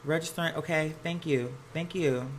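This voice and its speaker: This American livestream host speaks at a moderate pace in a mid-range voice, chatting casually in a campy, sassy way heavy on slang. The background carries household noise from laundry running close by at home.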